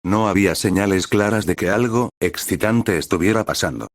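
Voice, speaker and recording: A man narrating a fan fiction story in a steady, expressive reading. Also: low voice, moderate pace, dry recording, studio quality.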